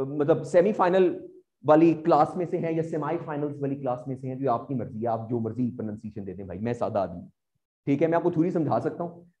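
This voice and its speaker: A teacher with a Pakistani Urdu accent lectures students preparing for exams, posing rhetorical questions and frequently checking that they're following. His voice is fairly high and mellow, and the recording sounds lo-fi.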